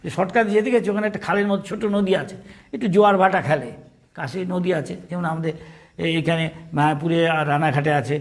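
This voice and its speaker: A monk telling homely stories in a relaxed devotional class, teasing listeners by name and searching aloud for words. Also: male voice, a little high, fast. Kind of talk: informal sermon with folksy stories.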